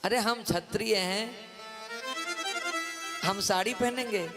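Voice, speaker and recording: A man's voice: high voice, takes it slowly. A man voicing an eager, protective younger brother prince in a sung-story sermon, urging with brotherly insistence. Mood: urgent. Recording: live katha with music behind.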